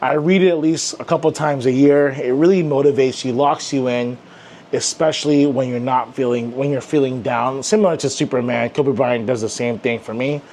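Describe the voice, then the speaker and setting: Young male vlogger, easygoing and rambling, mid pitch, faint room hum behind him. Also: fairly even intonation, moderate pace, a little mellow. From Filipino heritage. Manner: chatty, rambling, with many fillers. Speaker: comic channel host. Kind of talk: casual desk tour vlog.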